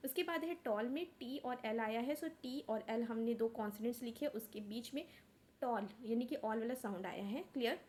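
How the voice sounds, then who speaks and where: A woman teaching shorthand in Hindi with English words mixed in, walking through each outline step by step. Her voice sits fairly high, and she keeps checking in with listeners by asking "clear?". A faint hiss runs under the recording. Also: moderate pace, a little mellow. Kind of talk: online lesson, explaining step by step.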